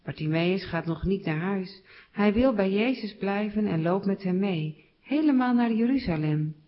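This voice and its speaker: Woman storyteller for children, mid pitch, plain storytelling, slightly dull recording. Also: animated, normal speed. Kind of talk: telling a Bible story to children.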